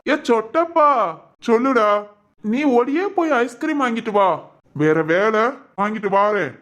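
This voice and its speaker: A man's voice: very high voice, measured pace, fairly bright tone. A man voicing an adult man with a ten-year-old's mind, pleading in a whiny, childlike way. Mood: whiny, demanding.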